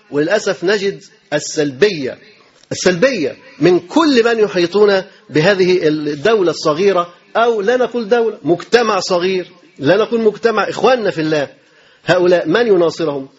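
Fast, high-pitched Egyptian preacher. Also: male voice, husky, highs cut off. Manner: emphatic, rapid rhetorical questions and repeated phrases. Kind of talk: sermon.

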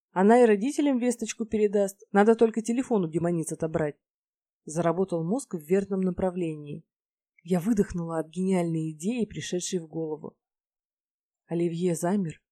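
A woman narrating a first-person fantasy romance audiobook in a wry, lively storytelling manner. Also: medium pitch, dry recording.

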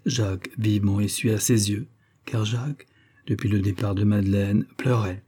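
A man reading a serial novel aloud as an audiobook, with measured, expressive phrasing in short clauses. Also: fairly low pitch, husky. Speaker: audiobook narrator.

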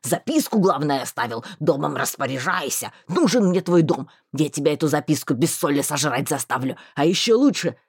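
A woman voicing a loyal, hot-tempered young male mage who shouts in loud anguish and fury. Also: mid-range voice, animated, a little slow, breathy edge, no echo, clean studio sound. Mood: indignant.

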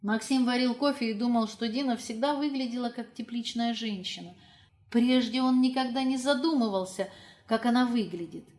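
A woman narrating a literary audiobook in a measured, expressive storytelling manner. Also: on the high side.

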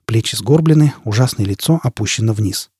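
A man reading an audiobook as narrator, in a steady, even way. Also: on the low side, brisk, breathy edge, no echo, clean studio sound. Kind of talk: scripted narration.

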